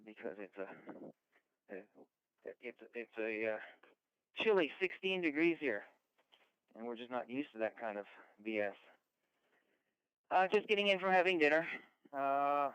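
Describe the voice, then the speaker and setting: A man's voice: mid-range voice, clear, resonant tone, no echo. Florida man on a ham radio check-in, very clean voice through a dull lo-fi radio feed, rambling and easygoing. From Florida, USA. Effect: heard over a ham radio. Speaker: amateur radio net check-in. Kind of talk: casual radio chat. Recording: muffled lo-fi radio audio.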